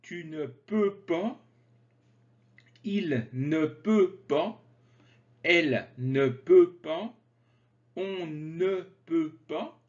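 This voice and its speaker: Man, French teacher, careful slow drills, fairly high voice, slightly muffled lo-fi audio. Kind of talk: slow grammar lesson with drills. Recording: slightly dull lo-fi sound.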